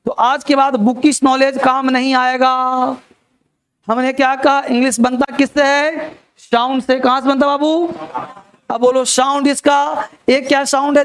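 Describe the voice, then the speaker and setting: Man, very high voice, classroom teacher, repeats words, quizzes students. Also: fairly even intonation, moderate pace, clear, resonant tone. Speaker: English teacher. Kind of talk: classroom spelling lesson.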